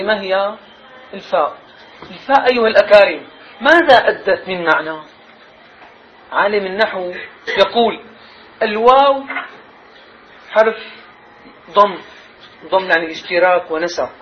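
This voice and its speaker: A man teaching Arabic grammar and rhetoric in a classroom. He poses questions to his students and stretches out key words for emphasis. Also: high-pitched. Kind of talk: classroom lesson. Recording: slightly dull sound, faint noise.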